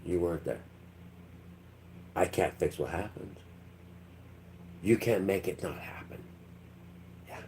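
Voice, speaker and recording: A man's voice: deep voice, slow, vocal fry, long pauses, darkish tone, slight background noise. A man hosting a live stream, rambling in a loose monologue and acting out quotes in mock voices. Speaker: livestream host.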